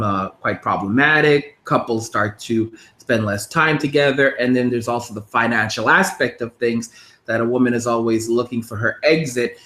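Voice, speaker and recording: A man in his thirties hosts a casual talk and rambles from point to point, often restarting his sentences. His voice sits at a middle pitch. The recording is roomy and echoey. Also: fairly bright tone. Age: 30s. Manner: rambling, with frequent restarts and laughs. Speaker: podcast host. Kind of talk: casual interview chat.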